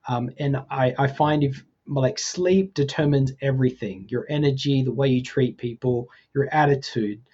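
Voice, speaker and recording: Podcast guest, man, 40, from Australia; average pitch, slightly muffled recording, measured and hesitant. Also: warm tone, slightly rough. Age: 40s. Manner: thoughtful, hesitant with ums and restarts. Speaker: guest, VFX artist. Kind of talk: casual podcast conversation.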